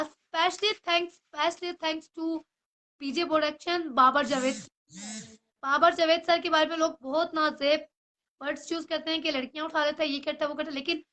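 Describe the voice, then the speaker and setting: A woman's voice: sits high, sharp tone. A young woman, an actress, talking straight to the camera in a rambling, apologetic way, with headphones on and English phrases mixed in. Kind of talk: emotional personal address to camera.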